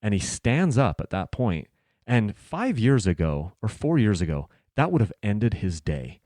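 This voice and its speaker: A man hosting a podcast, telling a personal story casually and earnestly, dropping soft and low in tense moments. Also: very animated, unhurried, no echo, studio quality. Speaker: podcast host.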